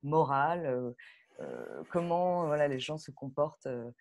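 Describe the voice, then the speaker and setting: A woman with a low, creaky voice talks unhurriedly as a guest director on a panel. She speaks casually and spontaneously, animated and given to digressions.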